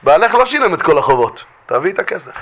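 A man's voice: high-pitched, very animated, a bit bright, exaggerated voice. A man voicing a pushy young king who makes demands, in a retold story. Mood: threatening.

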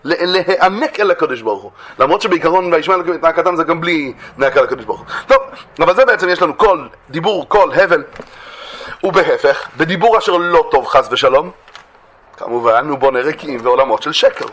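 Man, slightly high voice, religious lecture, reads old texts then explains them, emphatic lines and hushed asides. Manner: lively, swings between raised emphatic phrases and quiet low asides. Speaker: Torah teacher.

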